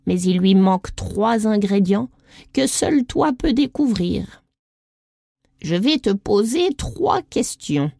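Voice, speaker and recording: A woman voicing an old, wise female priestess who speaks in slow, solemn riddles in a read-aloud storybook. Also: fairly high pitch, vocal fry, dark tone, dry recording, studio quality, heavily acted.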